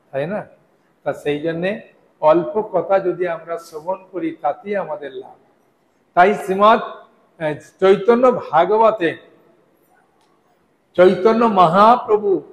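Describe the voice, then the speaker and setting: A man preaching a devotional sermon to a live audience, speaking slowly and deliberately and often checking in with his listeners with questions. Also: high-pitched. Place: hall with a gathered audience. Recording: echoey hall.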